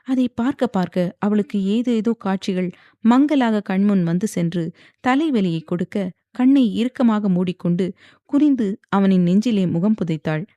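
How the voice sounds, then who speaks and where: A woman narrating a romance audiobook in a steady, unhurried storytelling manner. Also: mid-range voice, dry recording, highs cut off.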